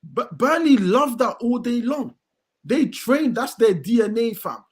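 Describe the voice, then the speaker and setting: A man, a football fan ranting in heated casual chat, swearing often and building to loud outbursts. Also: extremely high pitch, big pitch swings, a little slow, breathy edge. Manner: swears a lot, rants with rising outbursts.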